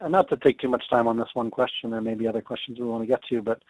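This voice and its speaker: A man with a medium-pitched, slightly rough, somewhat mellow voice talks rapid-fire, clearly losing his voice. He's a tobacco control advocate presenting a webinar and fielding questions conversationally, full of fillers and restarts. The recording is rough, with no room sound.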